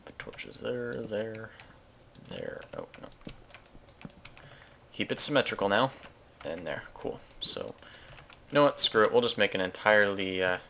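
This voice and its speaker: Gaming host, male, lowish gravelly voice, loose self-correcting chatter over gameplay, faint keyboard clatter behind. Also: big pitch swings, unhurried, long pauses, pushed and bright, a little hiss or hum. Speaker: Let's Play host. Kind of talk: casual gameplay commentary.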